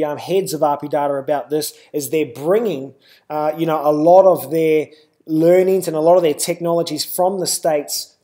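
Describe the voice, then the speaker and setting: Higher-voiced New Zealand man presenting. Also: dark tone. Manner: loose, peppered with "uh" and "you know". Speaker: webinar presenter. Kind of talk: live webinar presentation.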